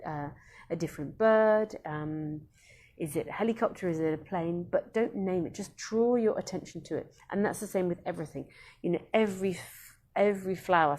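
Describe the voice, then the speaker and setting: A woman who is a Montessori educator, hosting a casual live-stream talk in an unhurried, earnest way with many pauses and ums. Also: lowish voice, a little mellow.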